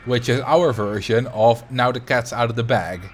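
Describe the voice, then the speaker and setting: With slight background noise, a video game streamer from the Netherlands talks casually and meanderingly while playing. He grew up in Drenthe, speaks Dutch natively with a noticeable yet mild accent, and has a mid-range voice at a moderate pace.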